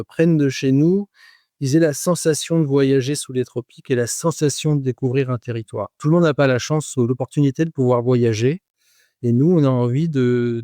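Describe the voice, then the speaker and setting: A man's voice: mid-range voice, dark tone, no echo, clean studio sound. A man in his forties, a guest on a podcast interview, speaking with frequent hesitations, fillers and restarts. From France. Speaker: guest, rum producer.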